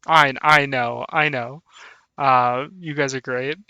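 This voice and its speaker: Bright, chatty young male streamer. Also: medium pitch, fairly even intonation, takes it slowly, clean tone, dry recording, muffled recording. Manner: chatty, laughs often, thanks viewers warmly. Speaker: VTuber streamer. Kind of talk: casual live-stream chat.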